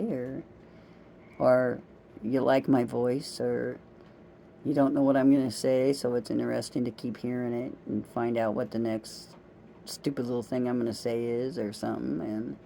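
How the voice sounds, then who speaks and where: A woman's voice: extremely low pitch, vocal fry, warm tone, a little hiss or hum. A middle-aged woman hosting a rambling solo monologue, chatty and playful, joking at her own expense and talking straight to her listeners. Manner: chatty, playful, self-mocking, talks to the listeners directly. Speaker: podcast host.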